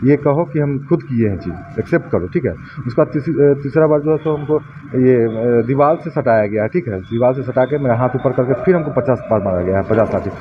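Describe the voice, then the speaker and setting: Man giving halting testimony. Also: mid-range voice, expressive, narrow, tinny audio, background noise. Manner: halting, recounting, frequent fillers. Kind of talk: interview testimony.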